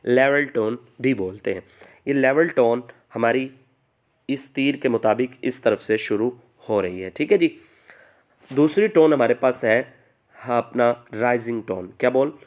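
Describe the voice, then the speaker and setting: A man's voice: medium pitch, a little slow, darkish tone. Man teaching by repetition. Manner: asks himself questions and repeats answers. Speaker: language teacher. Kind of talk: online lesson narration.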